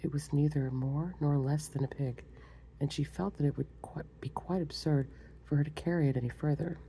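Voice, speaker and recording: A woman reading a storybook aloud in a soft, close, unhurried ASMR manner as whispered role-play, with small spoken asides. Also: low voice, steady tone, slight background noise, poor audio. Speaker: ASMR reader.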